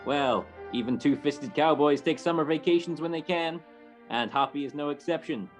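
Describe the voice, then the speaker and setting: Man as a high-pitched old-time radio announcer. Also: moderate pace, natural voice. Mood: upbeat. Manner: formal, promotional. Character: polished, upbeat male 1950s network radio announcer. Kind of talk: 1950s radio announcing, scripted. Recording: guitar music behind voice.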